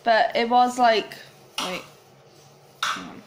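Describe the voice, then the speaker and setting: Her voice is a little high, with pitch that swoops wildly, and she talks slowly against background noise. The young woman is vlogging casually, rambling and giggling into a phone held at arm's length as she goes from a small flat to a windy street outdoors.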